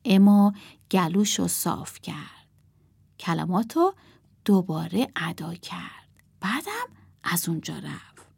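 Expressive woman reading a storybook. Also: fairly low pitch, creaky, long pauses, breathy edge, dry recording. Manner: expressive, dramatic, dipping into whispers.

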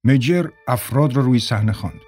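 A man narrating a story in an even, measured way. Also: medium pitch, husky, faint music behind. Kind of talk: scripted narration.

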